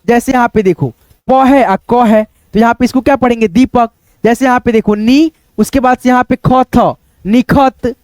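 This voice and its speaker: A young man teaching Hindi reading in a casual spoken lesson, repeating sounds and words slowly and calling to his viewers as friends. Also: very high voice, clean tone, dry recording. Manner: repetitive, drills words slowly, coaxing "dosto".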